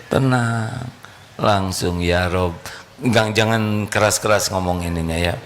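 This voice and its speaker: Gravelly slow-talking preacher man. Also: on the low side, steady tone, slight background noise. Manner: playful, questioning the audience directly. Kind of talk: sermon.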